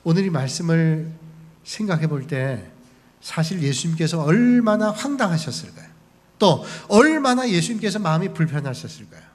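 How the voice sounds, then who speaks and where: A man's voice: on the high side, big pitch swings, normal speed. A man preaching as a pastor, telling the story and briefly acting out the people in it. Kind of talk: sermon. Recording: long hall reverb.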